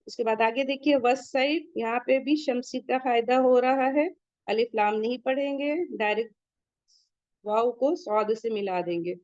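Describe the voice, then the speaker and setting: A woman teacher works through a tajweed lesson at an unhurried, slow pace, her voice sitting a little high. She explains each rule patiently, then recites the word slowly, and stops now and then to quiz her students. The sound is close and dry, a bit dull, like a lo-fi online class. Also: darkish tone, no room sound. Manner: asks students questions and checks their answers.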